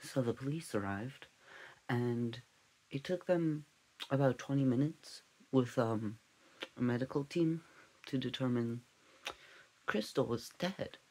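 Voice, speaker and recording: A man hosting a parody true-crime podcast, rambling and scatterbrained, drifting off on tangents in a deadpan way. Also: mid-range voice, slow, pauses often, poor audio. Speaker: comedic podcast host.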